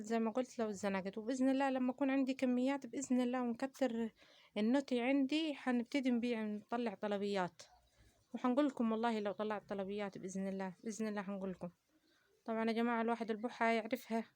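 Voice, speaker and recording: A woman's voice: fairly high pitch, a little mellow, dry recording. A woman from Upper Egypt with an Upper Egyptian Arabic accent, hosting a casual home vlog about keeping poultry. She talks to viewers directly, gives advice and uses many pious phrases. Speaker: poultry-keeping channel host.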